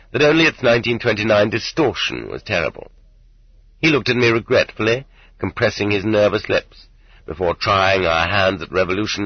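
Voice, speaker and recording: Male narrator, low and husky, measured earnest reading, dry dull recording. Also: no room sound. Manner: measured, earnest reading with quoted voices lifted higher. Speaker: audiobook narrator. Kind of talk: scripted narration.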